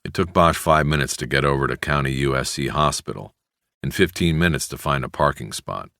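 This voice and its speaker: Male audiobook narrator, exceptionally low voice, measured delivery, dry studio sound. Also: vocal fry, no room sound. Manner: measured, even storytelling.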